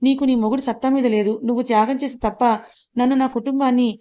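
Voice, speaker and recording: Woman narrator voicing a stern, reproachful young husband in an audiobook, fast and mellow. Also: sits high, fairly even intonation, close to an everyday voice. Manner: reproachful, scolding. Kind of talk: audiobook character reading.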